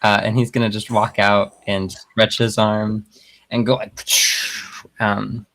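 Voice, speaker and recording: Flat, slow man narrating a fight. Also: fairly low pitch. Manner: hesitant, full of fillers. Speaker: player. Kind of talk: casual improvised fight narration.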